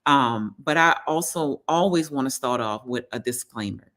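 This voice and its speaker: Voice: medium pitch, moderate pace, a bit bright. A holistic health coach hosting a casual live stream, talking in an earnest, encouraging way and repeating phrases for emphasis. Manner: repeats phrases for emphasis, many "you know" fillers.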